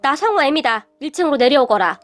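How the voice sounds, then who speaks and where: Brief: scornful shouting middle-aged mother, cruel and snobbish, high-pitched, put on by a female narrator. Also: big pitch swings, moderate pace, faint music behind. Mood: angry.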